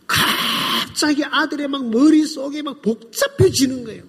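A man telling a story to an audience in an animated, drawn-out way, often turning to his listeners. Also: extremely high pitch, long reverb tail. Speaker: speaker.

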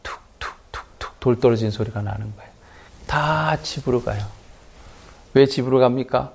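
한 남자 목사가 회중에게 반복해서 질문을 던지며 힘주어 설교한다. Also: male voice, mid-range voice, moderate pace, vocal fry, slightly rough. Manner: emphatic, rhetorical questions to the congregation. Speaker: pastor. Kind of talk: sermon.

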